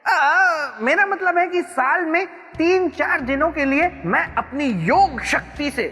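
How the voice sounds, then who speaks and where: A man's voice: extremely high pitch, unhurried, sharp tone, exaggerated voice. A man playing the comic shrunken ghost-spirit Betaal in a TV mythological drama, playful and whiny with exaggerated yelps. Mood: comic fussing. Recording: reverberant studio with music behind.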